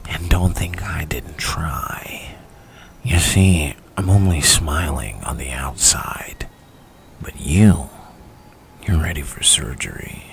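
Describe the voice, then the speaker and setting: A menacing clown criminal, rumbles in an extremely low, creaky whisper. He speaks slowly and theatrically, coaxing and taunting with unhinged playfulness, like an ASMR villain roleplay with faint hiss behind him. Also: heavily acted. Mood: mock-sorrowful menace. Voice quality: breathy, gravelly whisper with creaky rasp. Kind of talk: ASMR roleplay, dramatic monologue.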